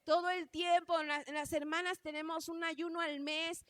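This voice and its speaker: A woman's voice: very high voice, flat delivery, normal speed, a bit bright, no echo, clean studio sound. A woman preaching a sermon in an earnest way, often calling out to her congregation as brothers.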